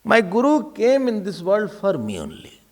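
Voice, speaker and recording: An Indian-accented man delivers a spiritual discourse at a moderate pace, his high voice making huge pitch swings. He drives points home through repetition and rhetorical questions, dropping Hindi phrases into English.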